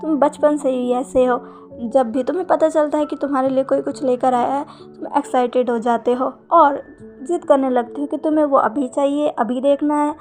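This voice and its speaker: A woman voicing an affectionate, gently teasing mother in a storybook reading. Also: high voice, fairly even intonation, normal speed, faint music behind, close to an everyday voice. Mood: fond. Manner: coaxing, affectionate.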